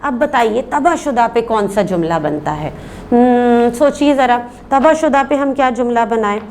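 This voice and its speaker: A woman's voice: a little high, animated, darkish tone, a little hiss or hum. Patient woman teaching young children. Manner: patient, repeats words for children to echo; asks questions and answers them herself. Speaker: primary school Urdu teacher. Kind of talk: recorded remote lesson.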